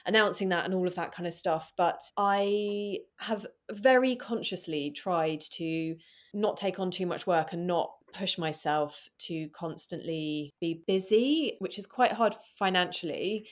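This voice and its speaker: A woman with an English accent talks easily in an interview, her voice sitting a little low. She rambles in a friendly way, scattering "kind of" and "you know" as she goes. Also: unhurried. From England. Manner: chatty, uses many fillers like "kind of". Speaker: guest, floral artist. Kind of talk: casual interview chat.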